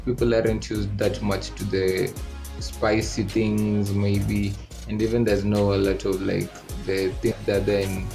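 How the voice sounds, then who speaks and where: A young man from Kenya explaining things in a casual chat, measured and a little hesitant. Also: lowish voice, creaky, darkish tone. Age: young adult. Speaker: guest.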